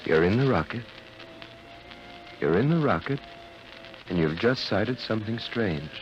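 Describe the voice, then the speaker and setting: Very deep-voiced, commanding scientist. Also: male voice, animated. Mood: commanding, hypnotic. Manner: clinical, commanding, measured. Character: calm, authoritative male scientist running a hypnosis experiment. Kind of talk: 1950s radio drama acting. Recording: muffled 1950 radio broadcast, faint noise.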